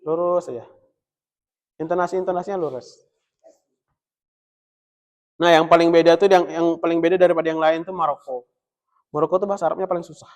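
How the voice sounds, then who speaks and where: A man teaching an Arabic lesson in a mosque in a relaxed, joking classroom manner, chuckling often. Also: fairly high pitch, brisk, long pauses. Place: mosque study room.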